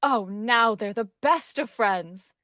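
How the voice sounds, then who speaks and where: A woman's voice: fairly high pitch, takes it slowly, bright, forceful tone, no room sound. Jane, a sensible young woman voiced by a woman. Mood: dry. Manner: dry, level-headed. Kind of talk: amateur radio drama reading.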